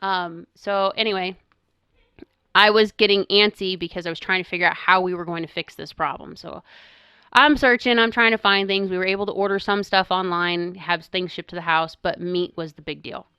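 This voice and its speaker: A middle-aged woman tells a story on a podcast in an animated, chatty way, acting out her own past words. Her voice is bright and very clean. The recording is dry and a little dull. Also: fairly low pitch, normal speed, clear, resonant tone, dry recording. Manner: animated storytelling, quoting herself. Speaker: podcast co-host. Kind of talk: casual chat.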